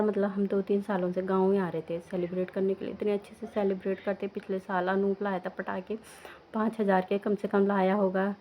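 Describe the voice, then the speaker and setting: A woman's voice: medium pitch, warm tone, a little hiss or hum, low-quality recording. A young woman vlogger telling a personal story in a casual, rambling way, full of restarts, from her village home. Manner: emotional, rambling with many restarts and fillers.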